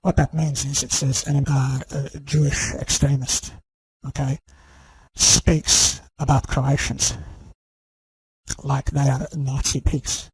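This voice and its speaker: A man who hosts a channel goes on a scornful, insistent rant to camera, rambling and leaning on "you know" and "okay?" throughout. He talks slowly in a flat, mid-range voice with a breathy edge. The recording is rough but has no echo.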